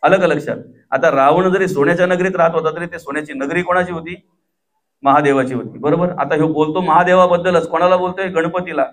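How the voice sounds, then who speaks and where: A man's voice: fairly high pitch, fairly even intonation, fast. A man from Maharashtra telling a devotional story as a preacher, constantly throwing rhetorical questions to his listeners. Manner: rhetorical questions to the audience, call-and-response.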